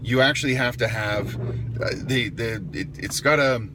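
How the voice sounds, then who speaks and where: An older man delivers a casual, opinionated monologue as a car enthusiast. He is blunt and grumpy, openly disapproving, with a mid-pitched voice. Loud vehicle and passing traffic noise runs behind him. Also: moderate pace.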